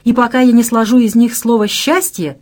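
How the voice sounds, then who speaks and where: A woman's voice: fairly high pitch, fairly even intonation, fairly quick, darkish tone, pitched above the performer's own voice, close to an everyday voice. A woman reading an audiobook and voicing a joking young male office worker with a teasing manner. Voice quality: playful, teasing. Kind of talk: audiobook character voice.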